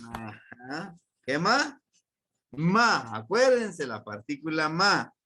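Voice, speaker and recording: A man's voice: fairly high pitch, big pitch swings, takes it slowly, pushed and bright, a little hiss or hum. A man with a Mexican accent teaching a grammar lesson to a class, patiently repeating words and quizzing his students. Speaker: language teacher.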